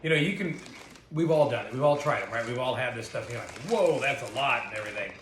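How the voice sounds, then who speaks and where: A man's voice: medium pitch, quick pace, a bit bright. Man in echoey room, munching chips. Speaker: co-host of a snack taste test. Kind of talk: casual chat while tasting food. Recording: echoey room with faint noise.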